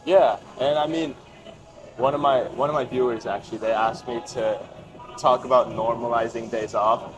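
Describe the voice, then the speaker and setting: A young man with a mid-pitched voice acts as interviewer in a casual chat. He talks informally and conversationally, sometimes repeating words for emphasis. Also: steady tone, normal speed, poor audio. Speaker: interviewer and host.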